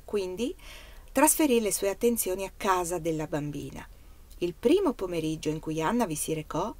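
A woman reading a novel aloud as an audiobook narrator, in a measured, steady literary manner. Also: fairly low pitch. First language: Italian. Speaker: reader.

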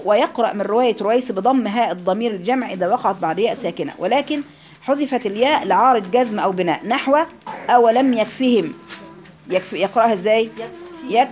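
Woman, Egyptian accent, teacher, brisk lecture, medium pitch, asks students questions. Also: darkish tone. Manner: explains rules and quizzes students with questions. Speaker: Quran recitation teacher. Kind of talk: classroom lecture.

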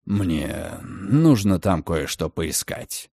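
Man doing a sly, menacing gentleman. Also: animated, drawn-out words, vocal fry, slightly rough, dry recording, studio quality, heavily acted. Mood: mocking. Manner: low, quiet, drawling. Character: mocking, menacing grown gentleman, sly and cold.

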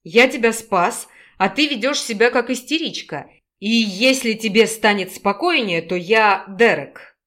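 A woman reading an audiobook, voicing a gruff, angry male werewolf who scolds sarcastically, in a fairly high voice. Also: expressive, a little slow, fairly bright tone. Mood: sarcastic.

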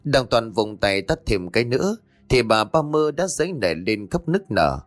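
A man narrating a ghost story in an expressive storytelling manner. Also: mid-range voice, moderate pace. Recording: dry voice with faint background music.

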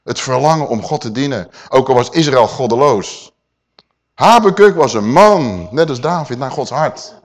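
A man preaching a sermon, dramatic, swinging from loud declaiming to quiet asides and asking his listeners questions. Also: mid-range voice, expressive, moderate pace. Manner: addresses listeners with rhetorical questions.

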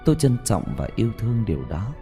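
A man reading a first-person story aloud in a slow, emotive, mournful narration. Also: on the low side, very animated. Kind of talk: dramatic audiobook narration. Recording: soft music bed behind.

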